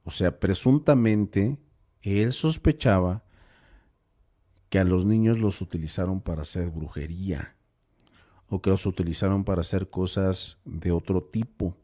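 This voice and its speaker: Low, dark-voiced man telling a tale. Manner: unhurried, hesitant with fillers and restarts. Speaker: storyteller. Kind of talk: casual spoken storytelling.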